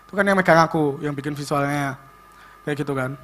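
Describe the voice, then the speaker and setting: A young man tells a personal story to a youth congregation. His voice sits fairly high, and he talks in an animated, chatty way, looping back on his points. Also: fairly quick. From Indonesia. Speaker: youth service speaker. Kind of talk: personal testimony.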